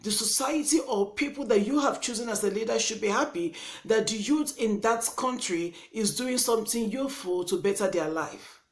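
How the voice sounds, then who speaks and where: A woman's voice: fairly high pitch, moderate pace. A young woman with a Nigerian accent speaks straight to camera in an earnest, indignant monologue, often repeating and restarting her words. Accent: Nigerian English. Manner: passionate, indignant. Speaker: vlogger. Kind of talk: impassioned vlog monologue.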